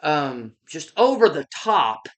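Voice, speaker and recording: A woman co-hosting a casual movie recasting chat, speaking in a measured way that often restarts its sentences. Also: low voice, sing-song. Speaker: podcast co-host.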